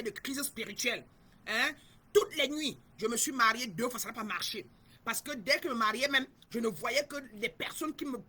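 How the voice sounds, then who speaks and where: A middle-aged woman from Cameroon, a spiritual guide, preaches in a somewhat high, husky voice. She speaks with bright, forceful emphasis. She repeats her points and keeps turning to her listeners. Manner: emphatic, repetitive, addresses listeners directly. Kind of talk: spiritual teaching talk.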